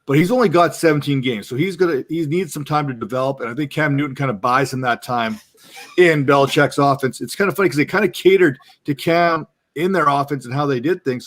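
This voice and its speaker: A man co-hosting a live football show, talking casually and joking with a straight face; he has a young kid. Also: medium pitch. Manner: joking, deadpan. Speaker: podcast co-host. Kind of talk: casual sports chat.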